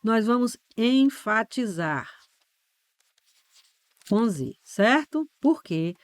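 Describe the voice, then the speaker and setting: Brazilian woman teacher, online prep class, stretches out key letters, keeps asking if it's clear, dry close sound. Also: on the high side, very animated, no echo. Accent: Brazilian Portuguese. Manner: explains step by step with many rhetorical checks; slows and stresses key letters. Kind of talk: online exam-prep lesson.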